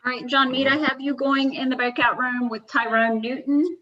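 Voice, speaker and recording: A woman working as a court clerk, calling cases over a conference call in a brisk, businesslike way. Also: sits high, little pitch movement, lo-fi sound, crowd noise. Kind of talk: running a court docket.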